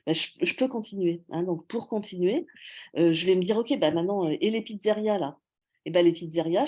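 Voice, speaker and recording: A woman's voice: fairly low pitch, warm tone. A woman researcher giving an academic presentation, explaining patiently with frequent fillers and self-corrections.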